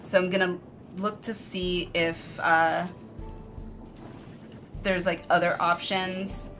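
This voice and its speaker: A woman's voice: on the low side, flat delivery, slow pace, fairly bright tone. A woman live streamer chatting casually with her viewers in an informal, rambling, self-deprecating way. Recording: music behind the voice. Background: background music.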